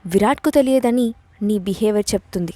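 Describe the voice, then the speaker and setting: A domineering young man in an audio story, sarcastic and cold, handing out curt warnings, as a woman narrator reads him. The voice sits at a middle pitch and sounds close and dry, with no room around it. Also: brisk, mellow, no echo, lightly acted.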